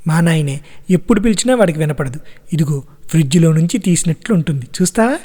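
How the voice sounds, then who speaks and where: A man doing a brisk teasing grandmother. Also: on the high side, expressive, mellow. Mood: fond. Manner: scolding yet affectionate. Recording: long reverb.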